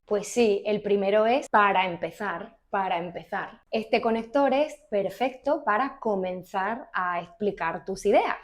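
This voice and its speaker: Clear-spoken Spanish teacher woman. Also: mid-range voice. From Spain. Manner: clear, deliberate, repeats key words. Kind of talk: casual video lesson.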